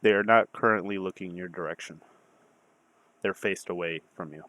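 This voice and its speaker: Man, game master, lowish bright voice, unhurried halting delivery, improvised tabletop narration. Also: dry recording.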